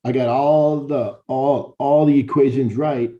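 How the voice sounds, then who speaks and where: An unhurried, steady-toned man with a medium-pitched voice, middle-aged and from Chicago, Illinois, talks to students as a university professor sharing personal stories. He speaks to them directly and conversationally, restarting a lot and repeating words, on a muffled, dull, lo-fi recording.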